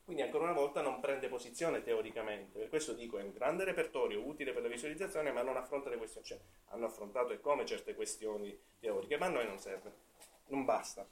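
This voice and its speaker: A man's voice: medium pitch, quick pace. Hesitant Italian man giving an academic talk. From Italy. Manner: thinking aloud, hesitant with fillers and self-corrections. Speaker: seminar presenter.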